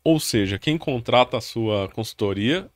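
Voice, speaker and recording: A man's voice: medium pitch, lively intonation, normal speed, dry recording. A man hosting a podcast interview, agreeable, chiming in with short affirmations and asking open questions. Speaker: podcast host. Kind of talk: casual interview talk.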